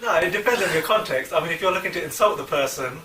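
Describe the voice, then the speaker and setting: A man in a casual panel discussion giving a measured, hedged opinion. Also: a little high, animated, crowd noise. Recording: roomy, distant mic with faint hiss.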